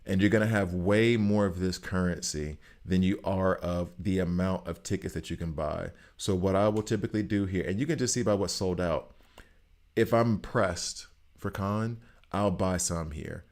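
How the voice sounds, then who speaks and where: A man's voice: deep voice, normal speed, a little mellow. A man from Alabama with a Southern US accent gives casual game commentary to viewers, repeating phrases for emphasis. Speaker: gaming content creator.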